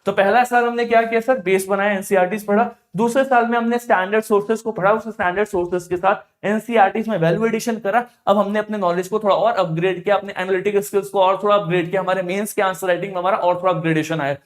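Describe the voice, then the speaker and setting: Male exam coach with a high voice, mix, punchy self-questioning teaching style. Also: fairly even intonation, quick pace, hardly any pauses. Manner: emphatic, repeats key phrases, asks and answers own questions. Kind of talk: explanatory coaching talk.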